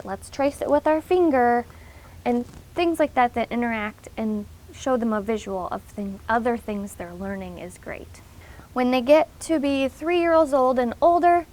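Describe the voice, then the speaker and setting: A woman with a fairly high voice gives informal, instructional advice to parents. Her voice has a pronounced creak. She explains in an encouraging, practical way.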